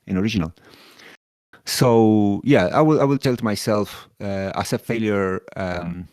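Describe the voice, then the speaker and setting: A man from Chile speaks as a podcast guest in a low voice, answering casually and restarting phrases as he gathers his thoughts. The sound is dry and close to the mic. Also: a little mellow, no room sound. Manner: halting, repeats words while thinking. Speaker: podcast guest, solution architect.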